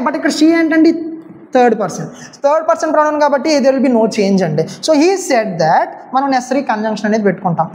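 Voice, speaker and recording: A woman's voice: high voice, darkish tone. A woman with a Telugu accent coaching students for exams on English grammar, often asking rhetorical questions. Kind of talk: exam coaching lecture.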